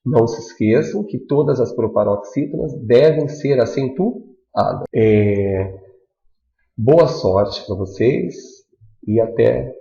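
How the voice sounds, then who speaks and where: A man giving a classroom review lesson, speaking slowly and stressing each syllable as he explains. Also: medium pitch, gravelly, mellow. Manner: slow, emphatic, spelling out syllables. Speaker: teacher. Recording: dull echoey classroom recording.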